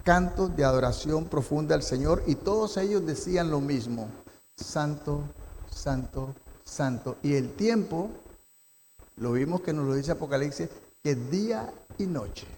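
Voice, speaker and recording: A man's voice: medium pitch, a little mellow, a little hiss or hum. A male pastor leads a Bible study, reading scripture and asking the congregation questions. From Costa Rica. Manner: teaching, reads scripture and asks the congregation questions. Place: church. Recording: long church hall reverb.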